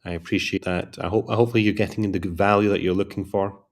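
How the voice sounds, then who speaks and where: A man with a low-pitched voice speaks fast while hosting a casual career-coaching livestream. Though tired and yawning, he rambles in a relaxed way and repeatedly urges viewers to like and subscribe.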